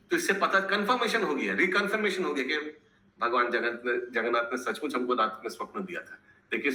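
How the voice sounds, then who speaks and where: A man teaching a scripture class online, answering students in a relaxed, conversational way and slipping in English phrases. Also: mid-range voice, roomy sound, rough recording. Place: home, online video call.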